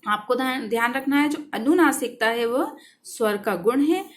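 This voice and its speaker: A woman teaching a Hindi grammar lesson, who repeats key points, asks the class questions and answers them herself, and slows down on the terms that matter. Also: a little high, lively intonation.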